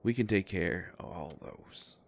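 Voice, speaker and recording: A man takes the role of a protective, good-hearted werewolf investigator for an intimate audio drama, speaking in an easygoing, folksy, gravelly way. His voice sits low and runs a little slow over slight background noise, sounding reassuring and businesslike.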